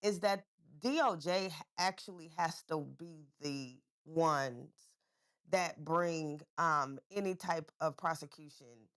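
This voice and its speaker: Low-voiced woman joining a debate. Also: takes it slowly, a bit bright. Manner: hesitant, with fillers. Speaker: debate participant. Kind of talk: casual debate.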